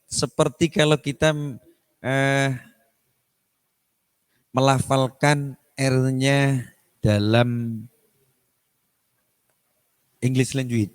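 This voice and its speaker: A man teaching a recitation lesson at an unhurried, deliberate pace. He says each pronunciation example again and again as he explains it. His voice is mid-pitched and dry, close to the mic with almost no room sound. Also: dry recording. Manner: slow, repeats examples to demonstrate pronunciation; mixes Javanese politeness words into his speech. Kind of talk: tajwid lesson with chanted recitation. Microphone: online session microphone.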